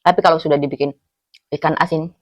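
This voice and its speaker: A food vlogger from Cilacap, Central Java, Indonesia chats casually in a Javanese accent during a mukbang, talking with her mouth full and humming as she savours the food. Her voice is low and fast with fairly even intonation, and there's no room sound.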